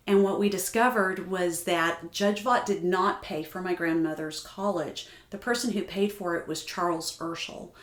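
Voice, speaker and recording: A woman guest from Oklahoma, telling a family story and talking about her work as a grant writer in an animated, heartfelt way. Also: mid-range voice, echoey room. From Tulsa, Oklahoma. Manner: animated, heartfelt, laughs easily. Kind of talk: conversational storytelling.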